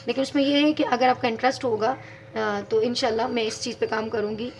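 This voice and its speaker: A woman's voice: a little high, steady tone, fairly quick, slight background noise. A woman teaching English grammar in a video lesson, patiently explaining step by step and spelling words out letter by letter.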